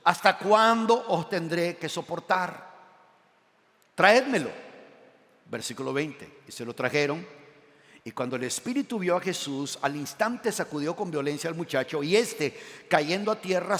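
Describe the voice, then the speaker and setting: Male pastor, slightly high voice, long hall reverb; animated preaching that swings from loud emphasis to quiet asides, quizzing the congregation. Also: normal speed. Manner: asks the congregation questions and reads scripture aloud. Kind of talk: sermon. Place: church sanctuary.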